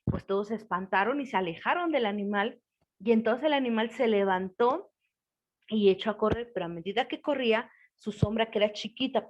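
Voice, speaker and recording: A woman telling a folk tale in a relaxed conversational way, with many fillers. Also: mid-range voice. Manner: conversational, many fillers, voices quoted characters. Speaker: storyteller. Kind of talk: casual spoken folk tale. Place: lives in Tlaxcala. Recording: dull lo-fi recording.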